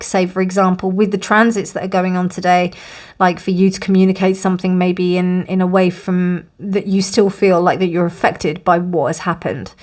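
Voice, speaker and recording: Woman, tarot reader, chatty and rambling, a bit breathless, mid pitch. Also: darkish tone. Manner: rambling, many fillers and restarts. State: out of breath, dry mouth. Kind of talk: casual spoken tarot reading.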